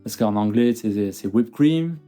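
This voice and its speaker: A man's voice: on the low side, animated, a little slow, mellow, soft background music. A man from France in his thirties, talking casually as an interview guest, hesitant with many fillers and restarts.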